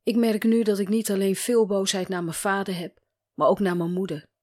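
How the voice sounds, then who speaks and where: A woman's voice: medium pitch, fairly even intonation, moderate pace, darkish tone, close to an everyday voice. A woman reading as a weary, guarded woman in therapy. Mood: bitter.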